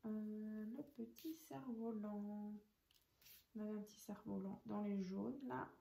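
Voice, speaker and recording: A woman's voice: mid-range voice, fairly even intonation, a little slow, gravelly, warm tone. A woman hosting a casual craft tutorial, chatting and thinking aloud as she works and counts out pieces. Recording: echoey room.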